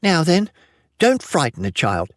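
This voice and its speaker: A man's voice: a little high, huge pitch swings, unhurried, no echo, clean studio sound, pitched above the performer's own voice. A man voicing a stern, weary frontier mother who scolds her children sharply, in a spoken storybook reading. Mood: scolding.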